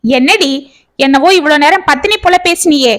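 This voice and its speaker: A woman's voice: sits high, lively intonation, normal speed. A woman voicing an angry young husband who scolds and accuses his wife in a bitter tone.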